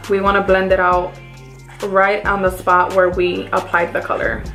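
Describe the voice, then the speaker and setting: A woman's voice: medium pitch, completely flat delivery, normal speed, fairly bright tone, faint music behind. A woman with a Mexican accent, chatting casually through a makeup tutorial as a beauty vlogger and talking viewers through each step.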